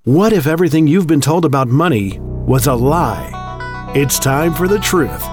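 Guy doing a fake hijacked broadcast cut-in, dramatic announcer voice, a bit high, guitar music behind. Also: lively intonation, unhurried, darkish tone. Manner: announcer-style, dramatic teaser delivery. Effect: staged hijacked-broadcast interruption. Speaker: show announcer. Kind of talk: mock broadcast interruption, dramatic.

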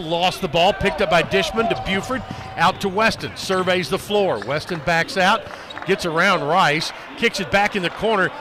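An American man doing live radio basketball commentary in a dense, projected announcer voice. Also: sits high. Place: indoor basketball arena.

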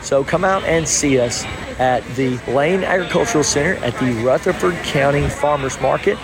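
Higher-voiced man giving a vendor's pitch. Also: normal speed. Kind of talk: promotional pitch.

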